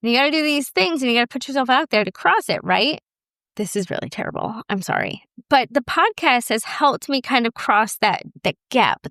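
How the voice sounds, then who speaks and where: A woman's voice: on the high side, clean tone, no echo. A woman hosting a casual solo podcast, talking candidly and animatedly into a close mic, now and then poking fun at herself. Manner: candid, animated, self-deprecating with laughs. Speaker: podcast host and business owner.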